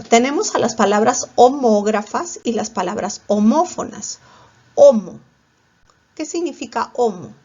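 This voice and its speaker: Lady teacher, kinda high voice, quizzing the class n answering herself, muffled lo-fi sound. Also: creaky. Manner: asks the class questions and answers them herself. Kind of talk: classroom lecture. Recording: dull lo-fi recording.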